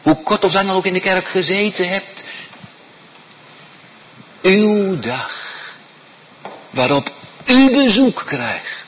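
A man preaching a sermon, swinging from loud, high appeals to hushed, almost whispered pleading. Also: animated, takes it slowly, long pauses, lo-fi sound, slight background noise. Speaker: pastor.

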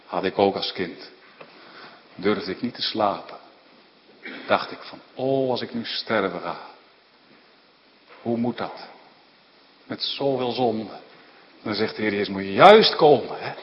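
A male pastor preaching a sermon, moving between hushed tender passages and rising fervent emphasis. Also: medium pitch, a little hiss or hum. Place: church hall. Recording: dull lo-fi church recording with long reverb.

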